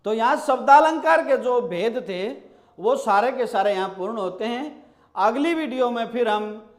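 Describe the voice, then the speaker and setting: A male grammar teacher, reciting verse examples slowly and then explaining them line by line. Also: very high voice, lively intonation. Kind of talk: explanatory lesson.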